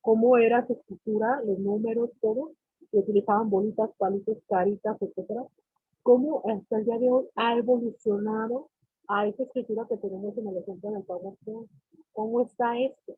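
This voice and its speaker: A woman's voice: on the high side, steady tone, brisk, breathy edge, dry recording. A woman teacher lecturing a class, explaining with questions and acted-out student replies. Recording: tinny phone-like call audio with faint hiss.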